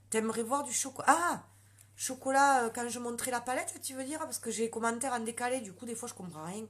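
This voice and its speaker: A woman with a southwestern French accent, chatting casually on a makeup live stream and answering viewer comments. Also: on the high side. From Lot, southwestern France.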